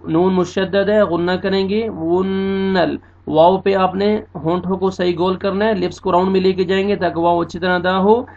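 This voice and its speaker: A man teaching Quran recitation rules. He spells out letters and vowel marks one by one, patiently corrects mistakes, and recites words in a drawn-out way. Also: high-pitched, steady tone, a little mellow, dull audio. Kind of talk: tajweed lesson.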